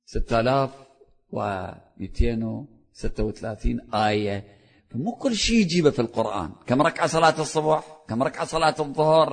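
A man with an Iraqi Arabic accent preaching a sermon, reciting scripture slowly and then arguing in lively everyday dialect. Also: a little high. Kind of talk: religious sermon.

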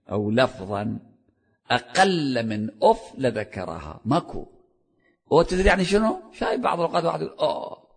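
A man with an Iraqi Arabic accent preaching a sermon, reciting scripture slowly and then arguing in lively everyday dialect. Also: medium pitch, breathy edge. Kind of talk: religious sermon.

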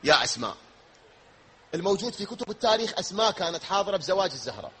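Man, sermon with chanted elegy, fairly high voice, slight background noise. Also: very animated, rapid-fire, pushed and bright. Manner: shifts from conversational storytelling to melodic wailing chant. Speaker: Shia preacher reciting elegy.

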